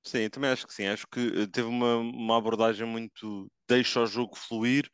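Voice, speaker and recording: A man's voice: mid-range voice, level tone, normal speed, smooth, no room sound. A man with a European Portuguese accent chatting casually as a podcast host. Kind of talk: casual chat.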